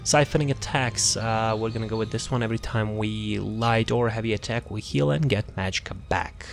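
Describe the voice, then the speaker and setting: Soft music plays behind this man's fairly low, creaky voice as he talks at normal speed. Hosting a gaming video, he walks loosely through a character build, cutting himself off and letting sentences trail away.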